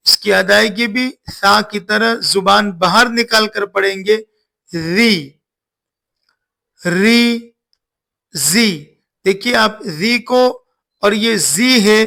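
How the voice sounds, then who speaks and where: Slow, gravelly high-voiced male teacher. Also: pushed and bright. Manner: drills letter sounds slowly, repeating each for learners. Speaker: Quran reading teacher. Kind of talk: step-by-step recitation lesson.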